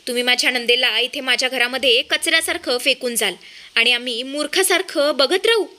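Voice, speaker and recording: A sharp, fearless young daughter-in-law, as a woman narrator puts her on, defiant and confrontational. High and bright, with a cutting edge. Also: fairly quick.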